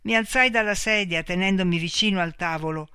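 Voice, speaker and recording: A man reading a story aloud as narrator, expressive and lively in his storytelling. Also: sits high, fairly quick, clear, resonant tone, no room sound, clean studio sound. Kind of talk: audiobook reading.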